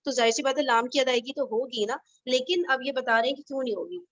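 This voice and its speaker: A woman's voice: high-pitched, a bit bright, no room sound, muffled recording. A woman teaching an Arabic grammar class over a video call, explaining patiently step by step and checking that her students understand.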